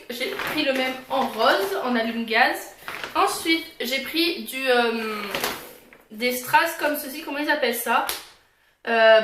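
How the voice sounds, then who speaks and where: A woman with a high, bright voice talks casually through items she is showing, like a vlogger. Her articulation is slightly impeded, as from a fresh tongue piercing. The room is clearly echoey, with faint noise underneath. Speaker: vlogger presenting a shopping haul. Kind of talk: casual chatty product show-and-tell. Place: indoors, in a bedroom.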